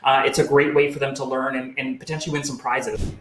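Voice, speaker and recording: A man's voice: mid-range voice, flat delivery, quick pace, a bit bright. A man co-hosting a live show, talking in a chatty, encouraging way with lots of fillers and restarts. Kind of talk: casual live-show chat. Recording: echoey room.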